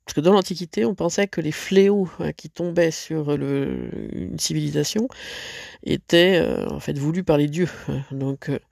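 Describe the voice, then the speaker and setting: A teacher gives a recorded lesson, reading a fable and then explaining it in loose, conversational asides. The voice is mid-pitched with a gravelly rasp. The recording is dry and close. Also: normal speed, a little mellow, no echo. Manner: conversational, with many fillers and asides. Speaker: French literature teacher.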